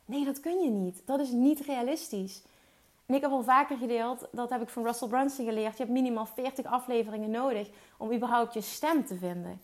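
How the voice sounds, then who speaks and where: A woman talking as an online business coach in an energetic motivational monologue, mixing English words into her speech. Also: fairly high pitch, brisk.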